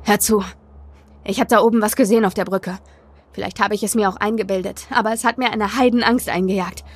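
A woman's voice: mid-range voice, fairly even intonation, brisk, husky, close to an everyday voice. A woman voicing a frightened, defensive teenage boy in a horror story reading, blunt at first and then stammering.

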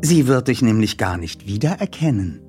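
A man's voice: mid-range voice, sing-song, normal speed, dark tone, soft background music, natural voice. A man voicing a dry-humoured teenage boy detective who teases his friends with wry remarks. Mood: teasing.

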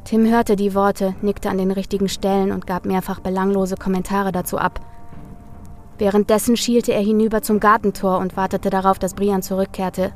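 A woman narrating a suspense audiobook. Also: medium pitch.

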